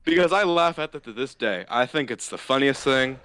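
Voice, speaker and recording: A young man casually telling school stories on a podcast, animated and laughing at his own tales. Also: medium pitch, a little fast, smooth, no room sound. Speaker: podcast host. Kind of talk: casual storytelling.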